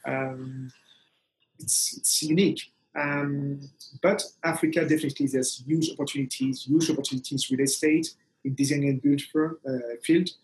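A man from Togo, speaking conversationally as an interview guest, with halting, restarted phrasing. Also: medium pitch, steady tone, rough recording.

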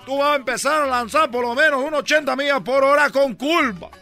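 A man's voice: very high-pitched, brisk, vocal fry, bright, forceful tone, faint music behind, full character voice. A man voicing a boastful male baseball player who talks with a put-on Caribbean Spanish accent and drops his R's, teasing and bragging in a radio comedy sketch. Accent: put-on Caribbean Spanish, dropping the R. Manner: brash, bragging, teasing, chuckling.

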